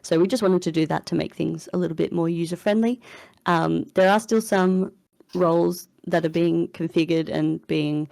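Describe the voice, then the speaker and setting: A woman's voice: fairly low pitch, steady tone, normal speed, creaky, darkish tone, no room sound. A woman hosting a casual live voice chat, upbeat and chatty, with fillers and frequent laughs, in her morning voice. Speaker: community manager hosting an AMA. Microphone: voice chat headset or computer mic.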